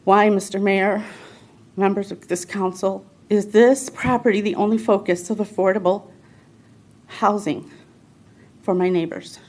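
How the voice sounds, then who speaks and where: A woman's voice: mid-range voice, fairly even intonation, a little slow, long pauses, darkish tone. A woman giving public comment at a city council meeting, reading a prepared statement in an earnest, pleading way.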